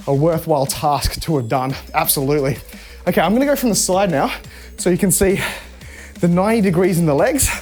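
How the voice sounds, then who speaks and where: Aussie workout coach, chatty and pushing you on, mid pitch, soft music behind. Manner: encouraging, chatty, demonstrating while exercising. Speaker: fitness instructor. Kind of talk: coaching a live home workout.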